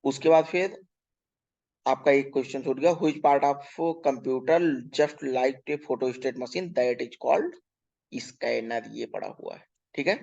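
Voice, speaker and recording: A male teacher going through a children's workbook lesson, reading English questions slowly, explaining in Hindi, spelling words letter by letter and often checking "ठीक है". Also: medium pitch, vocal fry, darkish tone, lo-fi sound. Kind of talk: workbook lesson for young pupils.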